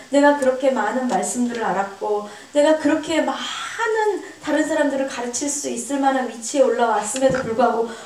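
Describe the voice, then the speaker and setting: Woman, pastor's wife, earnest sermon delivery, fairly high voice, echoey far-off hall sound. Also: a little mellow, slight background noise. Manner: earnest, acts out quoted voices with big pitch jumps. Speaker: pastor's wife leading a seminar. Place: church hall.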